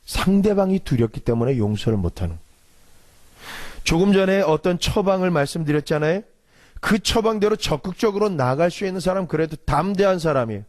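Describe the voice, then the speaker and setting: Animated Korean preaching man. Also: a little high. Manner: animated preaching, acts out quarrels in raised voice. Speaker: pastor. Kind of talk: sermon.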